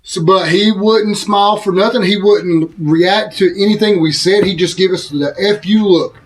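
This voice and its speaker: Male podcast co-host, high-pitched, relaxed storyteller. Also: moderate pace. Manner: laid-back storytelling with quoted asides. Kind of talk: casual chat.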